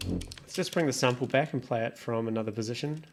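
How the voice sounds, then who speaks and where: A man hosts a casual music production tutorial, thinking aloud and exploring as he walks through each step in a mid-range, creaky voice at a fairly quick pace. Electronic synth sounds and music play behind his voice, along with background noise.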